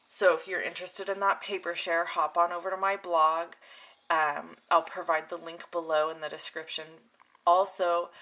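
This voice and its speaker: A woman's bright, forceful voice, sitting on the low side, narrates a hands-on craft demo she hosts at an indoor craft desk. She keeps it casual and chatty, and the recording has clear background noise with clicking.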